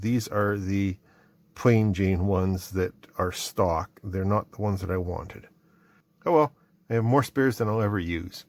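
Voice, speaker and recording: This Canadian man, middle-aged, vlogs as he unboxes his mail, casually trying items and voicing his thoughts as he goes. His voice is lowish, creaky and darkish in tone, with no echo.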